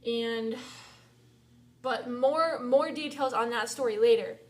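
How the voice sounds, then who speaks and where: Young female vlogger, higher voice, chatty and irritated, heavy on fillers and slang. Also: takes it slowly, darkish tone. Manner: chatty, fills talk with "like", "bro" and "dude"; irritated, venting. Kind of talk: casual vlog rant.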